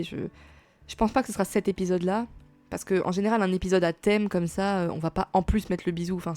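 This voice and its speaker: A woman's voice: lowish voice, darkish tone. A woman doing casual let's play commentary on a story game, chatty and gushing, with many fillers, reading text aloud.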